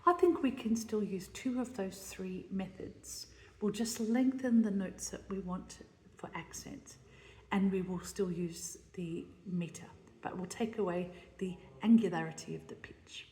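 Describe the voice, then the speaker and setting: A woman's voice: medium pitch, measured pace, dark tone. A woman composer giving a lesson on setting words to music, explaining her ideas as she thinks them through and often checking in with her listeners. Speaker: composer teaching text setting. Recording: roomy space with long reverb.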